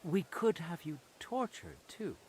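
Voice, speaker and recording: A pompous noble judge. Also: male voice, sits high, lively intonation, unhurried, darkish tone, breathy edge, full character voice. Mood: imperious. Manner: pompous, imperious, contemptuous. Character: haughty noble judge, lord presiding over trial.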